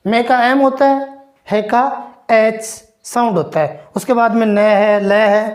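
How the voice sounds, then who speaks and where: In a slow English phonetics lesson, a woman repeats every sound and quizzes the class as she goes. Her voice is on the high side and a little mellow.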